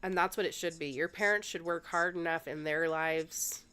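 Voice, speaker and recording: A woman's voice: lowish voice, fairly even intonation, normal speed, bright, forceful tone, clear, resonant tone. A woman livestreamer chatting candidly at home while getting ready, congested and swearing freely.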